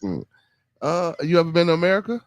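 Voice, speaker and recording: A man's voice: on the high side, sing-song, quick pace, dry recording. A man with a Chicago accent hosting a casual live-stream podcast, talking in a loose, slangy, laid-back way and often tagging on "man". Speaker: podcast host.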